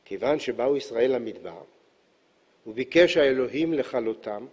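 A man's voice: medium pitch, animated, a little mellow, slightly rough. A male religious teacher explaining scripture and midrash, quoting verses and unpacking them. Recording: echoey hall, dull lo-fi sound.

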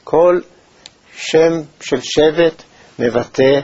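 A man teaching a Torah lesson in a measured, thoughtful way, with pauses and hesitations. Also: a little high, darkish tone, no echo. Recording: dull, lo-fi recording.

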